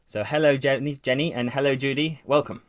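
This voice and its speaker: A man hosting a church podcast, reading polite, scripted-sounding introductions and gently prompting his guests. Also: mid-range voice, fairly even intonation, fairly quick. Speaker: podcast host.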